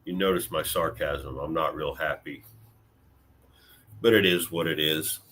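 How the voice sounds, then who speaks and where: A man's voice: a bass voice, fairly even intonation, measured pace, fairly bright tone. A man from Illinois chatting casually with live viewers, laid-back and rambling, with plenty of fillers and mild swearing. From Illinois, USA. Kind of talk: casual live-stream chat.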